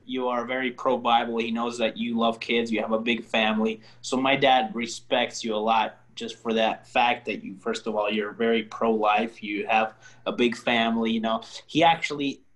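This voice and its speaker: A man of middle pitch chatting casually with friends. He stumbles and restarts often, fills gaps with fillers and chuckles through his own anecdotes. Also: steady tone, a bit bright. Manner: halting, many restarts and fillers, laughs at his own stories. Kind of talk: casual chat.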